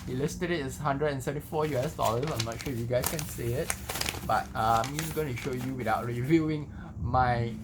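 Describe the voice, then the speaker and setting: A man's voice: medium pitch, fairly quick, heavy background noise. A man talking casually as an unboxing vlogger, conversational and often tagging phrases with okay and right. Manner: conversational, repeats himself with tag words like okay and right.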